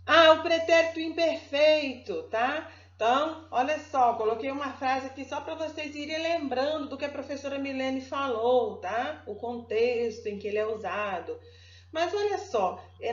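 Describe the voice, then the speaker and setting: Echoey Brazilian woman teaching verbs. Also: on the high side. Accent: Brazilian Portuguese. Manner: slow, drawn-out verb conjugation drills; checks in often with "tá?". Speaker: Portuguese language teacher. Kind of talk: online grammar lesson. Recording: echoey room, dull lo-fi sound.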